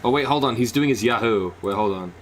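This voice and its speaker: A young man reacting on a live stream, rambling and bursting into excited shouts. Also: mid-range voice, fast talker, a little hiss or hum.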